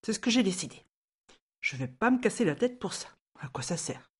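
A fretful, grumbling maid. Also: female voice, mid-range voice, very animated, fairly quick, breathy edge. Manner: complaining, fretful, hesitant with many fillers. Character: grumbling, anxious housemaid, resentful woman. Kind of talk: audio drama acting.

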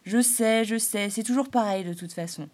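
A woman's voice: mid-range voice, normal speed, a little mellow, close to an everyday voice. Woman doing a grumpy tiny soil bug. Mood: indignant. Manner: touchy, indignant and sarcastic.

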